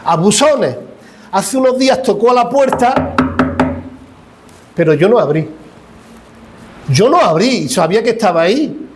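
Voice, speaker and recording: Middle-aged Andalusian evangelical pastor, high-pitched man, impassioned sermon that acts out scenes and questions the pews. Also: expressive, measured pace, long pauses, background noise. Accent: Andalusian Spanish. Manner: impassioned preaching, acts out dialogue, asks the congregation questions. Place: church.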